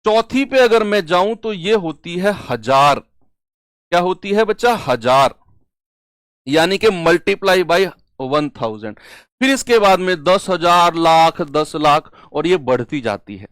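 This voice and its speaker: A male maths teacher giving an online class lecture, slowly repeating key terms and asking and answering his own questions. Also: high voice, lively intonation, fairly bright tone, smooth, dry recording, clean studio sound.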